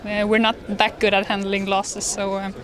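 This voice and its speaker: Speaking at a moderate pace in a medium-pitched, completely flat voice, a young woman from Norway fields an interviewer's questions about her ski jumping. She has a Norwegian accent and sounds relaxed, hesitant, and good-natured. A crowd can be heard behind her in the large indoor lobby, and she's recorded on a handheld reporter's mic.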